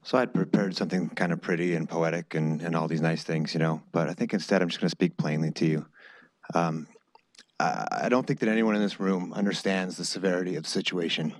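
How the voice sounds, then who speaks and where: A man's voice: sits low, fairly even intonation, fairly quick, no echo. A man speaks off the cuff at a board meeting, urging the board bluntly and often restarting his words. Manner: blunt, urgent, stumbling restarts. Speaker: public commenter. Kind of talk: unscripted public comment. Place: public board meeting room.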